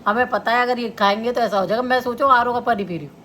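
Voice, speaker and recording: A woman's voice: on the high side, fast talker, fairly bright tone, a little hiss or hum. Chatty middle-aged woman vlogger. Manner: chatty, laughs often while telling. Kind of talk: casual chat to viewers.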